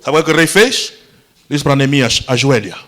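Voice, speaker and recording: A male pastor, telling a Bible story as a dramatic Pentecostal sermon, acting out voices and shouting at the peaks. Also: fairly high pitch, moderate pace, a little hiss or hum, rough recording. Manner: theatrical, acts out the story's voices, shouts at climaxes.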